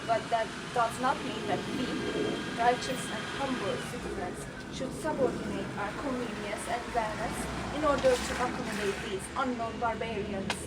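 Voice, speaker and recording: A woman's voice: on the high side, normal speed, recorded from a distance, close to an everyday voice. A woman playing a pompous, self-righteous politician in a parody news interview. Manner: pompous, declaiming. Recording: noisy amateur location recording.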